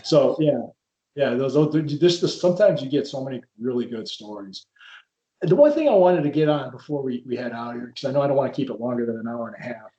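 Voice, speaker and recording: A man in casual conversation, a podcast host who drifts from one wrestling story to the next and often restarts his sentences. His voice sits at an ordinary middle pitch. The room around him is echoey. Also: lively intonation, fairly quick, warm tone, muffled recording. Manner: rambling storyteller with frequent restarts. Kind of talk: casual interview chat. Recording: roomy echo.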